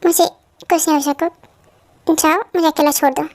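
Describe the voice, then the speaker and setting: A high voice doing a curt, cold young man. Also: fairly even intonation, moderate pace, dry recording, studio quality. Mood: angry. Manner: curt, commanding. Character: cold, short-tempered older young man. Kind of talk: fan dub drama acting.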